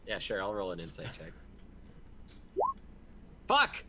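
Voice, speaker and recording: A man playing in a tabletop game, animated and cursing at bad rolls. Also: lowish voice, normal speed, noisy background. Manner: animated, swearing at dice rolls. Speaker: player. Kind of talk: casual tabletop game play.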